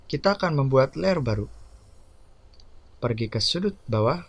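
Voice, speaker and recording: A man narrating a step-by-step software tutorial over a screen recording, giving plain instructions one by one. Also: mid-range voice, lively intonation, moderate pace.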